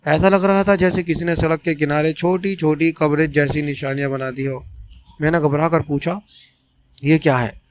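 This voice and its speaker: A man telling a scripted first-person horror story in a steady, suspenseful way. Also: on the high side, normal speed, a little hiss or hum.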